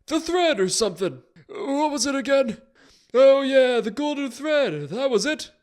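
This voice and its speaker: A crazed ancient wizard rambles in a piercingly high, cracking register far above any ordinary speaking voice. He trails off mid-thought, circles back, and bristles at any slight. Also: expressive, unhurried. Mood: shrill rambling. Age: older. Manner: scatterbrained, indignant, rambling with trailing restarts. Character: mad, rambling ancient human wizard man.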